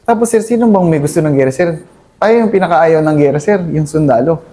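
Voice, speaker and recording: An army officer from Cavite in the Philippines speaks earnestly as an interview guest, tacking "sir" onto nearly every phrase. His voice is on the high side, fairly quick, and dark in tone. The talk is candid, and he mixes in English.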